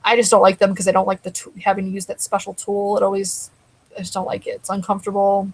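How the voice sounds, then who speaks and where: A woman hosts a casual live stream, rambling conversationally and answering chat comments as her throat gets dry. Her mid-range voice is monotone, quick, a little mellow and slightly rough. The recording is low quality.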